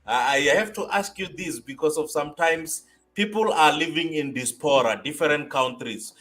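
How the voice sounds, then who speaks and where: A man's voice: on the high side, normal speed, a bit bright. A man hosting a casual interview over a video call, rambling with a lot of "you know" and repeated "wow". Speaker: host.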